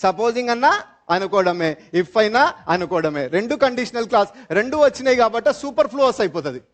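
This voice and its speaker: A man with a Telugu accent teaching an English grammar class, explaining slowly, repeating terms and quizzing his students. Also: sits high, expressive. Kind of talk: live class lecture. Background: fans running in classroom.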